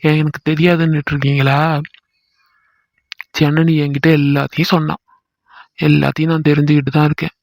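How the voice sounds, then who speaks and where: An impatient young son in a village cartoon, as a man voices him, pressing his mother for a straight answer. His voice is a little high and is recorded dry and close. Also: little pitch movement, a little fast, vocal fry, pauses often, no echo. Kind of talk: cartoon voice acting.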